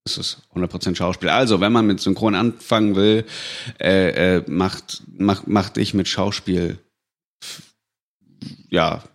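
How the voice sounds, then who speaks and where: Gravelly deep-voiced man giving advice. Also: fairly even intonation, unhurried. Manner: advising, with frequent hesitations. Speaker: voice actor guest. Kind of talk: casual podcast chat.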